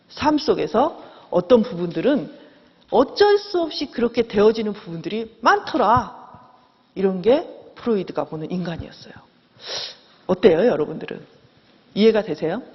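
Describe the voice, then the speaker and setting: Lively woman professor lecturing in a hall. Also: mid-range voice, slightly rough. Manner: lively, acts out quoted voices. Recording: dull lo-fi sound with long hall reverb.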